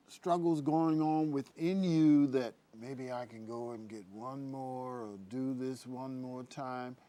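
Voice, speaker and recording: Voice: medium pitch, dark tone, no room sound. A faith-based talk show host who prompts the guest and affirms her story.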